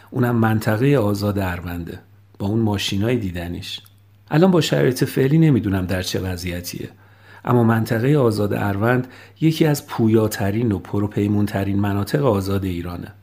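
A male podcast host reads calm, scripted narration, now and then adding personal asides. His voice sits fairly low.

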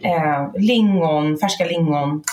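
A woman's voice: low-pitched, darkish tone, rough recording. A woman hosting a casual chat in a playful, teasing way, laughing often with her co-host. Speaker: podcast host.

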